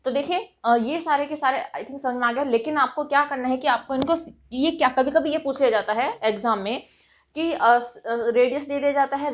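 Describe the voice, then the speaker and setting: High-voiced Indian woman teaching grammar. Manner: explains patiently, often checks in with "right" and "okay". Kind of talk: exam-prep grammar lesson.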